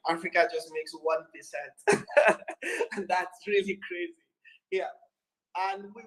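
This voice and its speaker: A man's voice: on the high side, poor audio. A man with a Nigerian accent speaking as a panel guest, explaining the work of a creative community.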